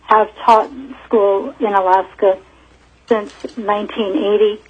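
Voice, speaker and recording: A woman in her fifties testifies formally as a teacher and parent, her voice coming over a phone line into a hearing room. She speaks slowly at a medium pitch, level and slightly rough, earnestly reading prepared points.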